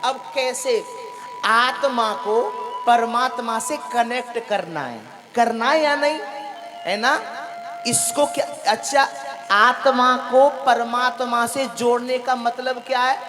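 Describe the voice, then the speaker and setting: Male preacher, slow unhurried delivery, playful call-and-response questions. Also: extremely high pitch. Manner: playful, repeating phrases for emphasis. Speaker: katha preacher. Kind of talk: devotional sermon to a live audience.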